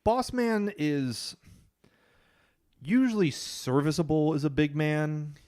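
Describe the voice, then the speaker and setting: A man's voice: on the high side, animated, slow, darkish tone, clear, resonant tone. A man co-hosting a podcast, talking in a conversational, dry and opinionated way. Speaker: podcast co-host. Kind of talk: casual chat.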